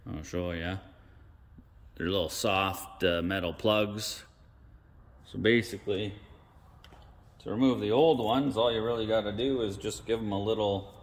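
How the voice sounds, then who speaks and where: This is casual, hands-on workshop talk: a male mechanic explains a carburetor rebuild at his workbench, musing aloud with homespun slang. His voice is lowish, the space sounds big, and there's slight background noise.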